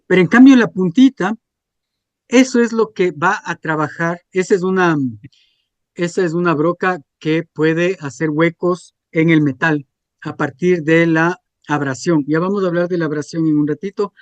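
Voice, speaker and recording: A man's voice: fairly high pitch, moderate pace, no room sound. A man, teaching a class and checking in with students through frequent questions. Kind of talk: classroom lecture.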